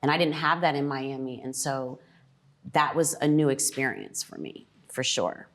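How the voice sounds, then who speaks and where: Middle-aged woman, very low voice, reflective and candid, thinking aloud. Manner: reflective, pauses with ums. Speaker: mother, podcast guest. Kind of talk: emotional family conversation.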